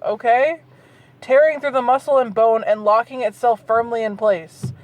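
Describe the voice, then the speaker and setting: Inside a moving car with clear road noise, a woman hosts a reading of bad fan fiction, performing it dramatically and breaking into incredulous, sweary casual asides to mock it. Her voice is on the high side, darkish, and fairly even in intonation at a moderate pace. The recording is muffled.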